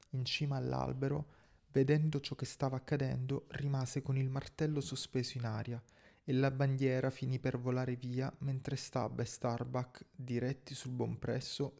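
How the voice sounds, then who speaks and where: Male narrator, gravelly, dark timbre, even and steady reading. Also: medium pitch. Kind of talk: scripted audiobook narration.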